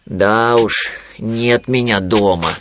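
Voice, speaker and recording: Man reading as a slow, sighing storybook bear cub, mopey and drawn out. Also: mid-range voice, animated, a little mellow, a little hiss or hum, close to an everyday voice. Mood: gloomy. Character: gloomy slow-talking young male bear.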